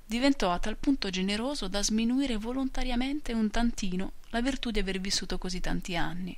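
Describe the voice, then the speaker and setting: A woman's voice: medium pitch, no echo. Woman reading an audiobook, dry close sound. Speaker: audiobook reader. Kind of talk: audiobook narration.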